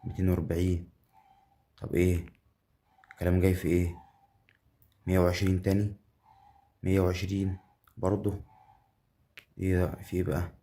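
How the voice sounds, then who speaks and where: A man with an Egyptian accent runs live gameplay commentary in a low, dark voice. He is chatty, counts his winnings out loud and keeps talking straight to the viewer. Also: monotone, a little fast, pauses often. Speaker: gambling game streamer.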